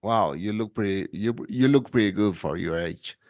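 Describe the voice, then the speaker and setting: Low-voiced polite male interviewer. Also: normal speed, darkish tone. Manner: polite, brief questions. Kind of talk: interview questions.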